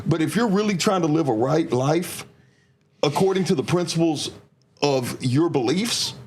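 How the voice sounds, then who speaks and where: A man with a slightly high-pitched voice gives casual advice. His wording is colloquial and emphatic, with faint noise behind him. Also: lively intonation, normal speed, a little mellow.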